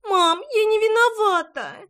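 A woman's voice: sits high, sing-song, measured pace, voice pushed up. A woman reading an audiobook voices a small girl who whines and pleads with her mother. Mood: pleading. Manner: whiny, insistent. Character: little girl, pleading and guilty.

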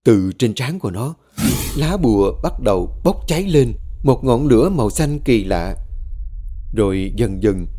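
A man's voice: mid-range voice, lively intonation, unhurried, dark tone. A man telling a scripted horror story with dramatic, tense delivery. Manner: dramatic, tense storytelling with rising and falling intensity. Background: faint background music.

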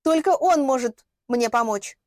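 Woman playing a suspicious young woman, hissing, interrogating, high voice, audiobook. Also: lively intonation, a little slow, dry recording, clean studio sound. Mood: defensive. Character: hostile secretive young woman, sharp and suspicious.

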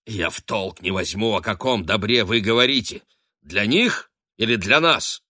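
A man voicing a weary old sea captain in an audiobook, speaking in a booming, grim and forceful manner. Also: lively intonation, normal speed, dry recording, studio quality. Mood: bitter.

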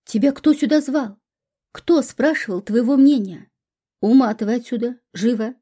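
A woman voicing a harsh stepmother who scolds coarsely, with a husky voice. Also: on the high side, moderate pace, dark tone. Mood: scolding.

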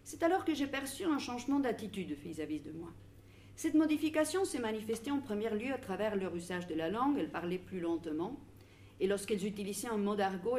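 An Argentine woman, a researcher speaking at a public debate, reads her conference talk from notes in a measured way with small restarts. Her voice is mid-range, with slight background noise.

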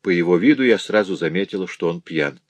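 A man's voice: low-pitched, lively intonation, brisk, dry recording. A man voicing a grieving beaten mother. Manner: sorrowful, pleading storytelling.

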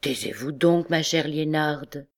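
A woman's voice: deep voice, animated, vocal fry, full character voice. A woman reading an audiobook, voicing a primly dressed young townswoman who corrects her friend and speaks impetuously. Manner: bossy, quick.

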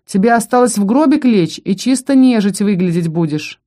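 A blunt, protective young student, scornful toward his rivals, as a woman reads him. The voice stays mellow and close to the reader's own, with a slightly lowered tone. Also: expressive, moderate pace, lightly acted.

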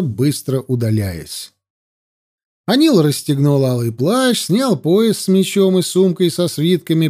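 A man reading a story aloud as an audiobook narrator, with expressive storytelling. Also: on the high side. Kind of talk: scripted narration.

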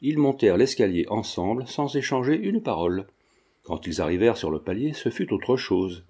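Man reading an old novel aloud, steady measured pace, darkish mellow voice. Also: fairly low pitch, slightly rough. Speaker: audiobook narrator. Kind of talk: scripted narration.

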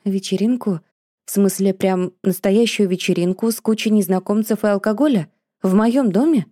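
A woman voicing an impulsive, emotional young woman who speaks up loudly and complains in an audiobook. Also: medium pitch, normal speed, no room sound, clean studio sound, lightly acted. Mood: excitable. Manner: excitable, complaining, raised voice.

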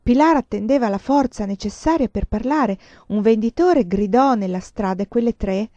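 A woman reading a novel aloud in a measured way, in a dull lo-fi recording. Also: fairly high pitch, warm tone, dry recording. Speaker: audiobook reader. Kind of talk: literary audiobook narration.

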